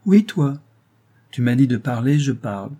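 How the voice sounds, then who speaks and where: A man voicing an aging, loyal female servant with a cracked, tired voice, speaking slowly with halting pauses. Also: mid-range voice, dark tone, breathy edge, voice pushed up, natural voice. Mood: weary scolding.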